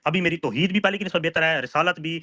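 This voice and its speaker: A man's voice: a little high, rapid-fire, sharp tone, no echo. Insistent young man pleading to be heard. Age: 20s. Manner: insistent, keeps asking to be heard. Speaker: student caller in a debate. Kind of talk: heated online debate.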